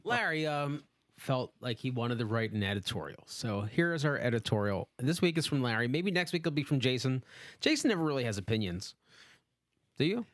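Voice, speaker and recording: A man's voice: medium pitch, big pitch swings, brisk, no echo. A man co-hosting a podcast in casual, joking chat. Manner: laughing, talking with his mouth full. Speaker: podcast co-host.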